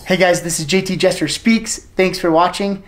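A man's voice: high voice, moderate pace, over loud music. A man in his thirties hosting an interview, upbeat and full of "uh"s. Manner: upbeat, many fillers. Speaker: host. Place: living room with sofa. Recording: roomy echo.

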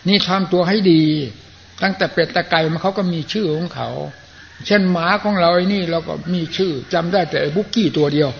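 An older man, a Buddhist monk, giving a plain-spoken, folksy sermon and often clearing his throat. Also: sits high, a little fast. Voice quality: gravelly. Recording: muffled lo-fi archive recording with faint hiss.

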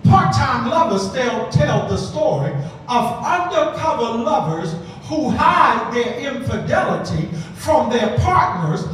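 A middle-aged American man preaching an animated call-and-response sermon at a pulpit microphone, with exuberant, sing-song delivery and drawn-out phrases. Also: very high-pitched, slight background noise. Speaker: pastor preaching. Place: large church hall. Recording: echoey church hall, slightly distant pulpit microphone.

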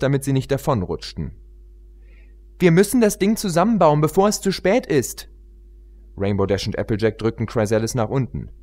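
A man reading a fan-fiction story aloud as narrator, telling it in an expressive storytelling manner. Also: mid-range voice. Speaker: reader, narrator.

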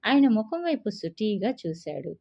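A woman narrating a serialized story with an expressive, steady reading. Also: medium pitch, moderate pace, gravelly. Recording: dull lo-fi recording.

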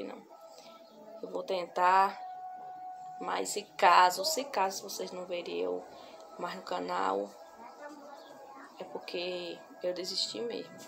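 A young woman vlogging from a couch at home, speaking softly, pausing often and repeating herself as she talks to her viewers. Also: fairly low pitch, gravelly. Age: young adult. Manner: soft-spoken, repeats herself, pauses to collect thoughts. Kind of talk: casual heartfelt vlog talk. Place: small home room, on a couch. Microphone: phone camera at arm's length. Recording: noisy home phone recording.

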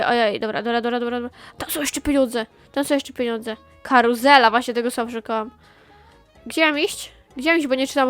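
A woman giving excited gameplay commentary, chatting to herself with quick exclamations and repeated phrases. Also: on the high side. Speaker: gaming channel host.

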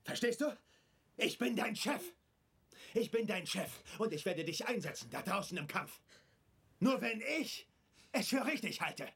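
An actor in a German film dub playing a domineering male revolutionary leader who talks down coldly and breaks into shouts. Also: high-pitched, lively intonation, unhurried, pauses often, slightly rough, heavily acted. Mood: lecturing, angry. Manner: cold, commanding, bursts into shouting.

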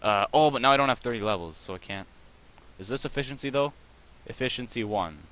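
A man giving casual, rambling gameplay commentary, full of fillers and restarts, with bursts of excitement. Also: medium pitch, a little fast, a little hiss or hum, low-quality recording. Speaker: let's play host.

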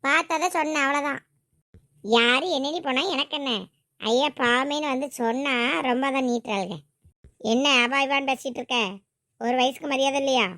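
A woman's voice: sits high, steady tone, moderate pace, fairly bright tone, no echo, clean studio sound. A woman voicing a nosy village neighbor who gossips, chatters and grumbles to herself in a family drama. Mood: huffy. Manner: chattering, self-pitying grumbling.

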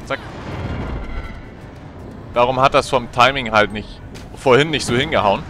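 A man giving casual, slangy, excitable gameplay commentary. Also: mid-range voice, measured pace, slight background noise. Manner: colloquial, slangy, swearing, excitable. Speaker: let's player.

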